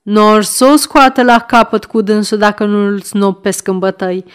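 A woman voicing a harsh, stern gentleman urging a boy be punished. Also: mid-range voice, smooth, natural voice.

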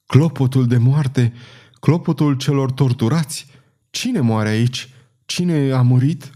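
A man's voice: mid-range voice, big pitch swings, a little mellow, pitched above the performer's own voice, close to an everyday voice. Man playing a frightened, desperate prince. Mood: terrified. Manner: fearful, pleading.

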